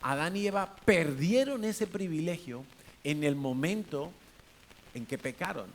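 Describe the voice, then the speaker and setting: A man's voice: fairly high pitch, animated, unhurried. A man with a Spanish accent preaching a sermon in a church hall, in a conversational way, asking the congregation questions and acting out different tones of voice. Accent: Peninsular Spanish. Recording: faint hiss.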